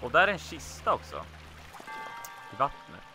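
A man casually commenting on his own gameplay, chatty and excitable, talking to himself as he plays. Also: medium pitch. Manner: chatty, excitable, talks to himself while playing. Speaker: let's play host. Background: video game music.

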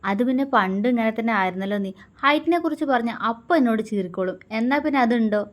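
A woman reading a story aloud and voicing a teasing young man who acts gruff but is affectionate underneath. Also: medium pitch, quick pace, darkish tone, highs cut off, lightly acted. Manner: teasing, mock-stern.

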